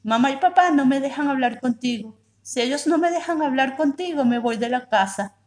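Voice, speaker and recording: A woman's voice: high-pitched, animated, fairly quick, darkish tone, pitched above the performer's own voice. A woman voicing a sad, stubborn little girl in a read-aloud story, pleading in a raised childlike voice.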